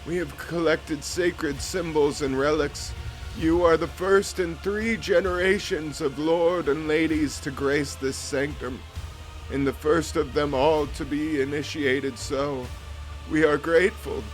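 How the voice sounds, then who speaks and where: A man's voice: on the high side, fairly even intonation, measured pace, voice pushed up, close to an everyday voice, rough recording. A man voicing a withered, solemn cult vizier from a video game, proclaiming grandly and ceremonially over music. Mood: reverent, exalting. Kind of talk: video game dialogue read aloud.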